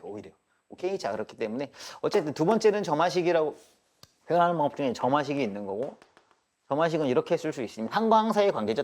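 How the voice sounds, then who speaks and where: A slightly high-pitched man teaches a live math class, tossing rhetorical questions at the room and checking in with a firm "got it?". He swings between polite phrasing and casual banter with his students. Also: darkish tone. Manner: mixes polite and casual speech, drills with "알겠습니까?".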